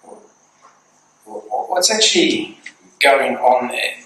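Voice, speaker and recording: Man doing a fretting boss on a phone call, bright tone, heard from a distance in a roomy church. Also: medium pitch, lively intonation, slow pace, gravelly, full character voice. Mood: worried. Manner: increasingly anxious questioning. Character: worried male company boss on the phone.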